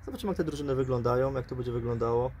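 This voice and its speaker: Brief: forties male coach, pitchside interview, rapid delivery, faint outdoor noise. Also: steady tone, a little mellow. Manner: fast, repeats "mówię" and "no", hedging. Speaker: football coach and player. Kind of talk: post-match interview. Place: outdoors by a pitch, under a dugout shelter.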